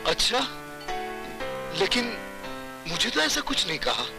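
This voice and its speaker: Guy doing a jumpy young suitor, fairly high voice, music behind. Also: huge pitch swings, measured pace, vocal fry, heavily acted. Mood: flustered.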